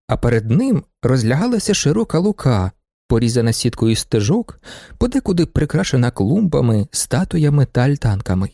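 A man reading a classic novel aloud as an audiobook narrator, with expressive delivery. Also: medium pitch, dry recording, studio quality. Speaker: audiobook reader.

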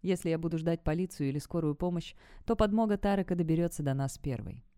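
A woman narrating a first-person story in an audiobook, with a steady, tense storytelling delivery close to a studio mic. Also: on the low side, fast talker, clean tone, no room sound.

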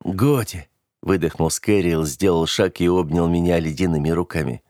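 Male narrator, low voice, measured first-person audiobook reading, dry close mic. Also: steady tone, darkish tone, dry recording.

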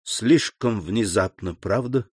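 Grave middle-aged doctor, soft probing questions, read by a man, dry close sound. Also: breathy edge, dry recording. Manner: low, hushed, measured questioning.

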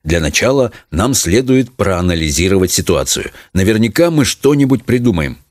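A man voicing a pompous, self-important middle-aged father in a storybook reading, in a calm and stiff manner. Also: deep voice, normal speed, dry recording, studio quality. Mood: soothing.

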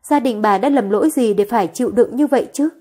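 A woman's voice: fairly high pitch, quick pace, dark tone. A woman narrating a dramatic audio story with emotive, dramatic delivery.

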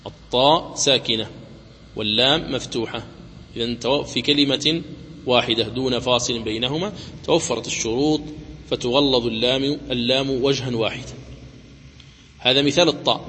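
A man teaching the rules of Quran recitation, explaining each rule step by step and chanting the example words slowly. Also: medium pitch, fairly bright tone, in a large hall, a little hiss or hum. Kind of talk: tajweed lesson with chanted examples.

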